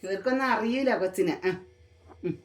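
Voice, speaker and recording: A woman's voice: medium pitch, fairly quick. A woman vlogger talking to her pet in coaxing, doting, sing-song baby talk.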